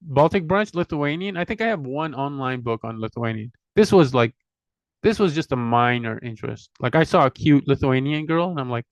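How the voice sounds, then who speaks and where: With lively intonation and a moderate pace, this mid-range male voice comes through with no room sound. He's a middle-aged language-channel host who chats, digresses, and jokes at his own expense as he works through items one by one.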